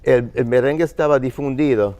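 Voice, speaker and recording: A man from Finland on a panel, explaining music history in a halting, searching way with many fillers. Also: mid-range voice, dark tone. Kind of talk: panel discussion.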